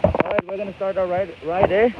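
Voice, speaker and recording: Cheerful and rambling, a man from Nepal hosts a casual livestream on his phone while out on an e-bike. He talks briskly in a high, level voice. Loud outdoor sound dominates the lo-fi audio.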